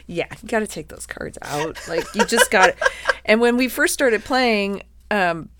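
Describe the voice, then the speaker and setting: A woman's voice: mid-range voice, animated, a little slow, noisy background. A woman hosting a crude, teasing comedy chat, laughing often and sniffly. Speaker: host reading comedic tarot-style cards.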